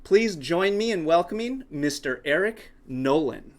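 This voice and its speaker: A man's voice: a little high, lively intonation, a little slow. Eager man hosting a podcast. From United States. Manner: eager, rambling questions. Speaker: podcast host. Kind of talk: casual interview.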